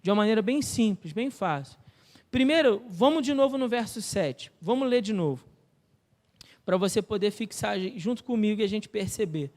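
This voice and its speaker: A Brazilian Portuguese-accented male pastor preaches in a church with a very high voice. He explains like a teacher and keeps asking his listeners questions. His voice rings out with a long reverb trailing through the hall. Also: expressive, normal speed, a little mellow. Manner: teacherly, asks the congregation rhetorical questions. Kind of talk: sermon.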